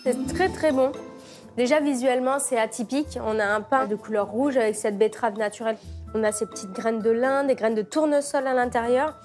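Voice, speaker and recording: A woman with a high voice gives warm, appraising commentary as a bakery judge, tasting and praising products inside a shop. Soft music plays faintly behind her, and she speaks into a lapel mic. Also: brisk.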